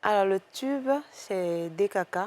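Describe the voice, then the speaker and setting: A woman singer who is a guest on a TV talk show, chatting in a relaxed way. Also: mid-range voice, measured pace. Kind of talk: casual TV talk show chat.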